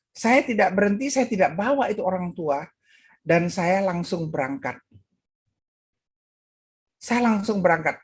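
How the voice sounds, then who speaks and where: A woman with an Indonesian accent preaching at an online women's gathering, telling a story and acting out its voices. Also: slightly rough. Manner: acts out voices in her story, pitch swinging high and low. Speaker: women's ministry speaker. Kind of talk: sermon with a told story. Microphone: video call.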